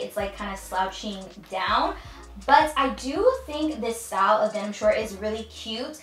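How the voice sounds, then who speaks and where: A woman's voice: fairly high pitch, a bit bright. Chatty young woman in an echoey room. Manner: chatty, upbeat, addresses viewers as you guys. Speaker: fashion vlogger. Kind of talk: try-on haul commentary.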